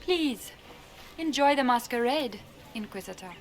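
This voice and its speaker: A woman's voice: on the high side, expressive, a little slow. An actress playing an eager, deferential lady-in-waiting to an empress in a fantasy game, formal and effusive. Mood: eager, courtly. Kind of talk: video game fantasy acting.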